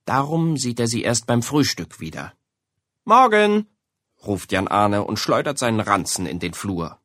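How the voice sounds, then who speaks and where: A man reading a children's storybook aloud in a lively, expressive way. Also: fairly low pitch, normal speed, no room sound, clean studio sound.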